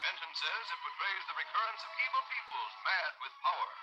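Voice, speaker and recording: A man's voice: high-pitched, expressive, quick pace, poor audio. Man announcing a 1940s newsreel over music. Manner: grand, declamatory announcing. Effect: old newsreel soundtrack.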